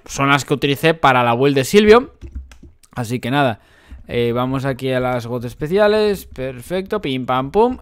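Chatty young gamer from Spain. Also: male voice, fairly high pitch, smooth. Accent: Spain Spanish. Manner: chatty, addresses viewers as cracks and chavales. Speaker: gaming YouTuber. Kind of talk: casual gameplay commentary.

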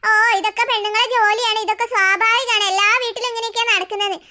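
A performer playing a sharp-tongued mother who scolds and teases her husband, in a comic family sketch. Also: very high-pitched, fairly even intonation, racing, heavily acted. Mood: reproachful. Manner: teasing, scolding.

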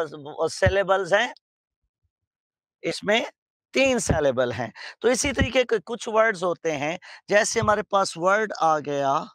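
A man's voice: sits high, a bit bright, dry recording. A man teaching grammar as a lecturer, drawing out key words and asking rhetorical questions. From Pakistan. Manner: slow, drawn-out emphasis with rhetorical questions. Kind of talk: grammar lecture in Hindi-English mix. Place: teaching studio.

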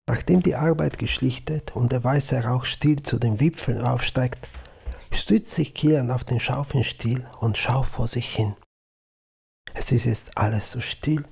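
A man narrates an audiobook story in a calm, measured way. His voice is slow, dark and gravelly with a husky texture. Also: mid-range voice.

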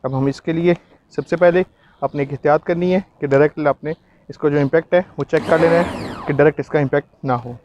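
This man's voice is on the high side, steady and darkish, and he speaks fairly quickly. With a Pakistani accent, he runs a live instructional product demo outdoors, moving between a street and a rooftop and explaining as he goes. There's slight background noise.

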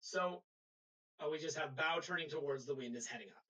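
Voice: medium pitch, brisk, fairly bright tone, low-quality recording. A sailing instructor giving a live webinar lecture over a video call, explaining patiently and checking in with the class.

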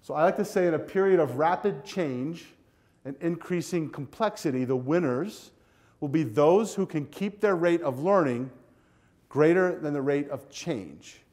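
Older male keynote speaker, slightly high voice, energetic coaching delivery, lapel mic in a ballroom. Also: unhurried. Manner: energetic, animated, walks the stage with a handheld clicker; direct, coaching tone to students. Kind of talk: conference keynote speech. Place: hotel ballroom with a seated audience.

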